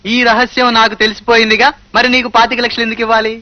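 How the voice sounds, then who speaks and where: A man's voice: extremely high pitch, level tone, racing, pushed and bright, dry recording, heavily acted. An actor playing a wary, greedy man chasing a fortune, haggling in a comedy film. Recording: dry, dull film audio with music.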